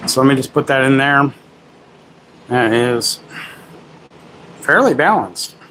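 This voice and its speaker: A man's voice: medium pitch, lively intonation, slow, a bit bright, slight background noise, rough recording. A man hosting a casual livestream, demoing camera gimbals and chatting with viewers in a rambling, self-correcting way. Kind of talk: casual live product demo.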